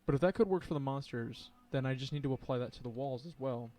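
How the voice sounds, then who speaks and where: Thinking aloud as he codes on a live stream, a man rambles, says um a lot, hesitates often, and chats and laughs with viewers. His mid-range voice is mellow and moves at a quick pace.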